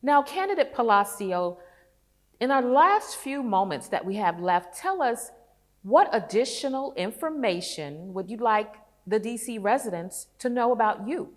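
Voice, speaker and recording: A woman interviewer reading formal questions to a candidate in a measured way. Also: on the high side, animated. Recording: hall with long reverb.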